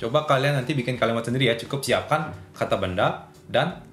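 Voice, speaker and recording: A man with a medium-pitched, brisk, slightly bright voice teaches Japanese in a casual lesson, explaining plainly and acting out short example dialogues. He's in a room at home that sounds roomy, with faint music in the background.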